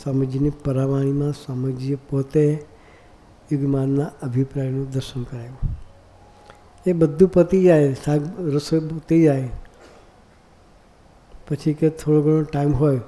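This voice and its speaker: A man delivers a devotional sermon in a deep, mellow voice. His pitch stays steady and level, and he keeps turning to the audience with rhetorical questions. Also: normal speed, long pauses. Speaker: monk preacher. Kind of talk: devotional discourse.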